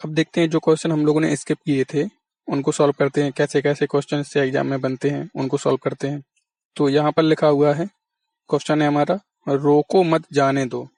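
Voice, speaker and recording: A man's voice: on the high side, dry recording. A man teaching an exam-prep lesson, patiently explaining and answering his own questions.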